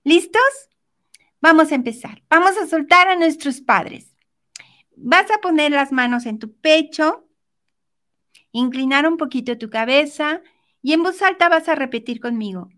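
A woman giving a motivational self-help talk, speaking gently and directly to the listener. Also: high-pitched, a little slow, pauses often.

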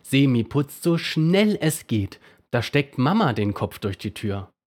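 Male storyteller reading a children's book aloud, unhurried with a very lively melody. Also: mid-range voice. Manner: slow and expressive.

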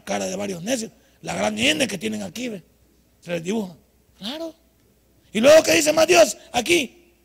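An older man preaching a humorous, scolding sermon at a night vigil, with sudden loud outbursts. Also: high-pitched, in a large hall. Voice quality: raspy, gravelly. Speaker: pastor.

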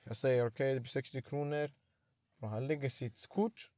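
Young man, animated slangy storyteller, dry close sound. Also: mid-range voice, no echo. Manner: animated storytelling, acts out quotes, slangy street talk. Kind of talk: casual chat.

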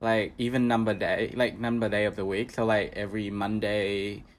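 A man's voice: on the low side, level tone, normal speed. Young man from Vietnam, joking drag guest. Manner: joking, loose, filler-heavy. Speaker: podcast guest, drag performer. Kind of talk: casual chat.

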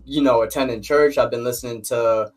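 A young man co-hosting a podcast, telling stories in a stumbling, animated way. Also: medium pitch, brisk, soft background music. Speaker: podcast co-host. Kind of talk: casual chat. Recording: distant from the mic.

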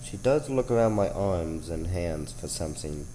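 A man narrating an audio drama in first person, hushed and tense, stammering when frightened. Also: low-pitched, lively intonation, moderate pace, slight background noise. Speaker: narrator and lead actor.

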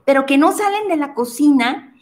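A woman telling a fable in an expressive way, speaking directly to her listeners and drawing a moral lesson from it. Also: high-pitched, moderate pace. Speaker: speaker, storyteller.

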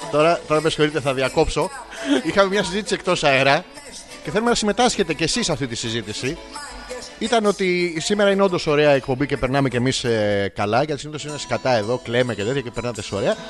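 A man co-hosting a podcast in casual banter, teasing and arguing with loud bursts. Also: a little high, expressive, soft background music. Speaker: podcast co-host. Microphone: studio microphone.

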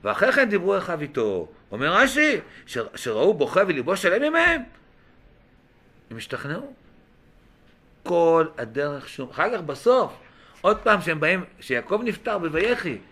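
Man, preacher; very high, sharp tone; lively pitch; emotional, exclaiming sermon full of rhetorical questions. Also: slightly rough. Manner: emotional, swings between hushed and exclaiming; retells and acts out speeches with rhetorical questions. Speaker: rabbi giving a Torah talk.

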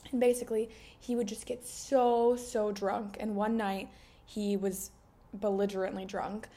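A woman's voice: medium pitch, flat delivery, dark tone. Wry young woman chatting. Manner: wry, chiming in with quick agreement. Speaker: podcast co-host. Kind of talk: casual chat.

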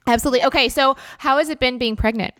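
High, quick-talking woman host. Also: fairly bright tone. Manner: quick, eager questions. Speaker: podcast host. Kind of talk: casual interview chat.

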